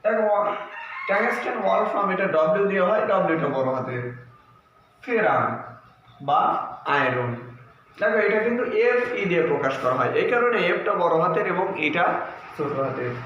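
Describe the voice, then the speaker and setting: A man teaching a class, explaining slowly and asking questions that he answers himself. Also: sits high, sing-song. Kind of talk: classroom lesson. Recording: echoey room, slightly dull sound with faint noise.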